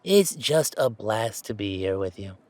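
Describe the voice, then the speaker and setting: In a conversational audio roleplay, a man voices a young gamer who is affectionate, anxious, self-deprecating and wary of his family, rambling fondly and hesitantly. His voice is on the low side and very animated, his pace unhurried, and the recording dry.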